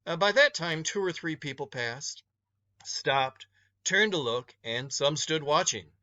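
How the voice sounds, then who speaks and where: A male teacher reads a short story aloud so his students can follow along. His voice is bright, forceful and a little high, and he delivers it slowly and expressively. The recording sounds slightly dull.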